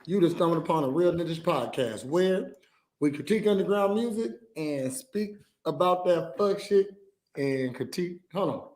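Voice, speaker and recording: A man's voice: a little high, lively intonation, normal speed, a little mellow. A man hosting a casual podcast, rambling with lots of fillers and restarts. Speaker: podcast host.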